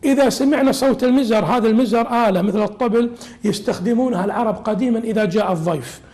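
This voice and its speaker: A man's voice: high voice, racing, a little mellow. A man teaching a religious lesson as a sheikh, explaining an old text with humorous asides.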